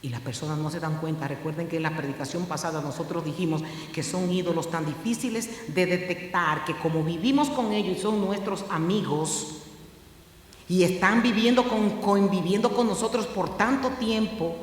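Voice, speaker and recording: A woman pastor, preaching a sermon with impassioned delivery that climbs from hushed to loud. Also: fairly low pitch, normal speed. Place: church sanctuary. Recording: very echoey, reverberant church hall.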